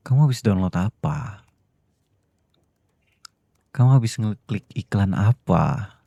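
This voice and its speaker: Guy voicing a strict boss hubby, whispered role-play, low husky voice, dark tone. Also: measured pace, dry recording, full character voice. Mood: gentle pleading. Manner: cold and scolding, then soft and pleading. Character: stern boss who is a doting husband. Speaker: voice actor.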